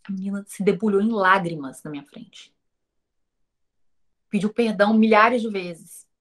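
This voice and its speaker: Addressing her audience head-on, this Brazilian online instructor, whose accent is Brazilian Portuguese, asks rhetorical questions and acts out dialogue from personal anecdotes. It's a casual recorded lesson, delivered a little slowly in a mid-range, fairly bright voice.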